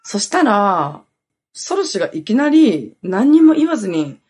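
A woman's voice: medium pitch, sing-song, a little slow, a little mellow, breathy edge. A woman hosting a podcast, telling a long story in a rambling, casual way with lots of fillers. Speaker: podcast host. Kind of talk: casual chat.

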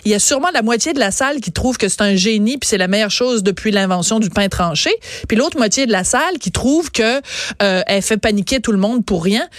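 A woman with a Quebec French accent interviewing guests, asking quick, teasing questions. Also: mid-range voice, no echo, studio quality.

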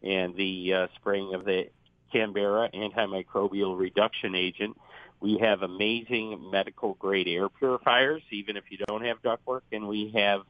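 Lowish American man on a dull phone line. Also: dry recording. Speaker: business guest promoting services. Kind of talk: conversational phone-in sales talk. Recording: dull, band-limited live phone line.

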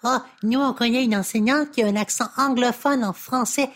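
A bright, slightly high young boy from a children's TV show, full of eager questions as a woman acts him out. He sounds cheerful and wide-eyed, always keen to learn something new. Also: moderate pace, lightly acted. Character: curious cheerful young boy puppet host. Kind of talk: children's TV dialogue.

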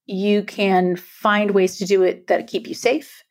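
A woman's voice: mid-range voice, level tone, slow pace. A middle-aged woman, a guest author, speaking earnestly in a podcast conversation, often checking in with "right?". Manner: earnest, emphatic, frequent "right?" tags.

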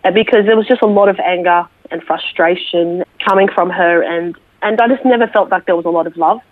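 An Australian woman, a military veteran, sharing her story slowly and reflectively as an interview guest, with many small fillers. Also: lowish voice, no room sound. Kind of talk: personal testimony interview. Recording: tinny phone line, dry.

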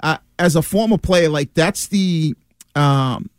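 A man's voice: fairly high pitch, slow pace, no room sound, studio quality. An American man, a former player, talking sports casually as a radio panelist, reasoning aloud and often repeating himself.

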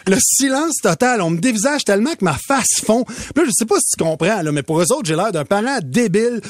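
A man's voice: high voice, a little fast, no room sound, studio quality. A middle-aged man with a Québécois accent telling a comic story as a radio monologue, acting out the other voices in it. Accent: Québécois French. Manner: lively storyteller, puts on child's voice for quotes.

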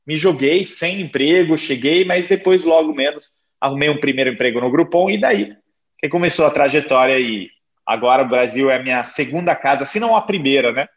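An Italian man in his thirties speaks with an Italian accent, slightly higher in pitch than most men. He talks as a podcast guest, telling his story with animated pauses. The recording sounds a little dull and lo-fi. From Italy (Genoa). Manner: thoughtful, animated storytelling with hesitations. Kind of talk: conversational interview.

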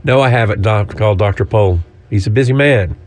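A man's voice: lowish voice, fairly quick. A man co-hosting a sports radio show, reacting in short lines and arguing his points emphatically while he gets over an illness. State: coughing, sick. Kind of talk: casual sports talk.

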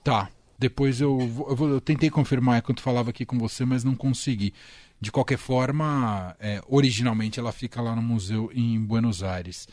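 A man's voice: medium pitch, steady tone, normal speed, darkish tone, no room sound, clean studio sound. Easygoing Brazilian radio host man. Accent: Brazilian Portuguese. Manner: easygoing, prompting questions. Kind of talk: radio interview chat.

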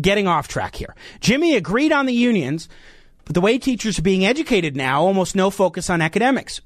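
Higher-pitched American man hosting talk radio. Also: no echo, studio quality. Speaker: radio talk show host. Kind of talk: opinionated talk radio monologue. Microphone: close studio radio microphone.

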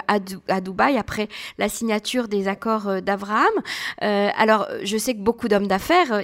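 A woman with a slightly high voice speaks as an interview host. She introduces and questions in hesitant phrases, often pausing partway through a sentence.

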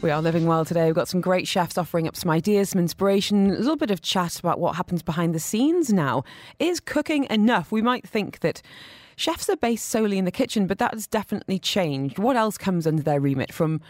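Upbeat female radio host, enthusiastic chatter, lowish pitch, dry close mic. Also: expressive, fast, hardly any pauses, a little mellow, no room sound. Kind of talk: upbeat radio talk show hosting. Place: radio studio. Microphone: studio microphone.

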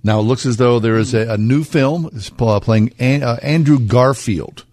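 A man's voice: mid-range voice, normal speed, darkish tone, no room sound, clean studio sound. A man hosting a radio show, chatting casually and rambling with lots of hesitations. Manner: rambling, hesitant with many fillers.

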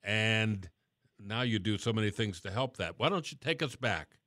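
A middle-aged man hosting a radio talk show, chatting casually and letting his phrases trail off softly. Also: lowish voice, expressive, moderate pace, dry recording, studio quality.

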